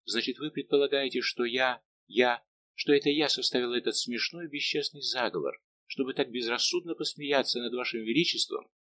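A man's voice: mid-range voice, brisk, pushed and bright. A man reading as a desperate young woman in love. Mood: pleading. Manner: impassioned, pleading.

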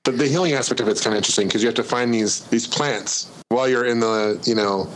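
A man's voice: medium pitch, fast, rough recording. Man, podcast co-host, casual hesitant gaming chat, light hiss behind. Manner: rambling, hesitant, many fillers.

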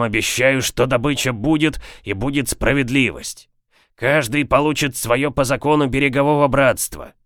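A man's voice: mid-range voice, fairly bright tone, no room sound, studio quality, pitched above the performer's own voice, natural voice. A man voicing a veteran male pirate gunner who declaims to a crowd in a raised, rallying way.

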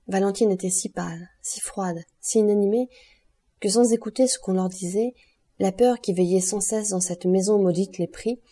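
A woman narrates a classic novel in a measured, steady audiobook reading. Her voice is dark and mellow. It carries a soft husky texture. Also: fairly low pitch.

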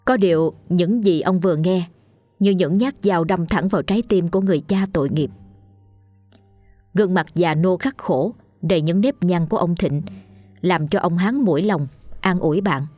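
Female audiobook narrator, low and solemn, faint music bed. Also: moderate pace, mellow, dry recording. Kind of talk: scripted ghost story narration. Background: faint background music.

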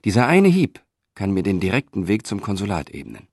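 A man's voice: on the low side, huge pitch swings, a little fast, darkish tone, no echo, clean studio sound, pitched above the performer's own voice, heavily acted. A man reading an audiobook, voicing a proud, ambitious middle-aged Roman senator who speaks with confident, declaiming force.

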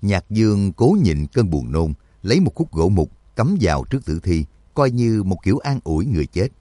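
A man narrating an audiobook in an expressive, vivid storytelling manner. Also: low voice, moderate pace, no echo.

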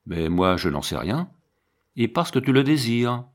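A man voicing a gentle, humble old monk who tends a convent garden, speaking in a mild, musing way. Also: mid-range voice, sing-song, unhurried.

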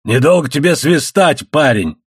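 Menacing brute blacksmith for an audiobook, read by a man: gruff, jeering, husky, dry close sound. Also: fairly high pitch, animated, normal speed, no echo, pitched above the performer's own voice. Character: threatening heavy male blacksmith, young adult-to-middle-aged, brutish.

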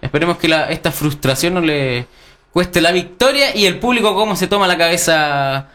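A man's voice: a little high, moderate pace, fairly bright tone. A man co-commentating live wrestling, reacting to the action with exclamations.

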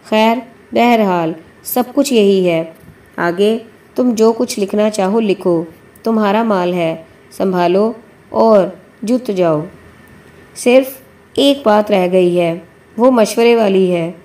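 Woman doing an older male editor, chain-smoker, coaxing, bossy, mellow tone. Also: mid-range voice, close to an everyday voice. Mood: instructing. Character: older male newspaper editor, chain-smoking, brisk and fatherly.

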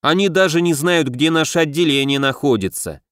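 A man's voice: fairly high pitch, fairly quick, a bit bright, no room sound, clean studio sound, close to an everyday voice. A man doing a blunt strong dwarf clerk. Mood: hearty.

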